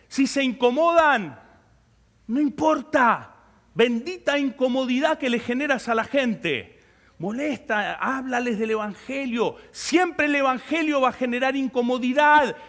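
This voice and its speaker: A man preaching a sermon as pastor, animated and humorous, telling stories with sudden shifts in loudness. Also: extremely high pitch. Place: church sanctuary. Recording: reverberant church hall.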